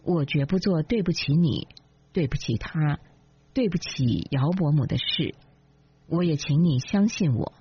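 一个认真又委屈的年轻丈夫，由女声压低嗓子演绎，说话缓慢、声线沙哑低沉。. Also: female voice, low voice, expressive, a little slow, breathy edge, dry recording, full character voice. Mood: defensive. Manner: indignant, earnest. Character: defensive earnest young husband. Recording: dull lo-fi, dry.

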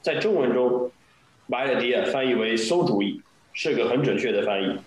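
A man's voice: medium pitch, moderate pace. A man teaching English phrases in Chinese, explaining them patiently and reading dialogue lines. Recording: very echoey room.

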